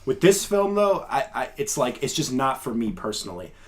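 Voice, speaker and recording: A man co-hosts a film review podcast, chatting casually and animatedly with lots of filler words. His voice is medium-pitched with big swings in pitch, at normal speed.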